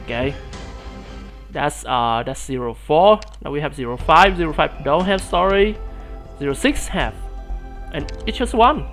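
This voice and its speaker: A young man with a boyish, slightly high, somewhat bright voice does casual live-stream commentary, rambling with plenty of fillers and restarts and laughing often. He's expressive but keeps a measured pace with long pauses. Faint music plays in the background.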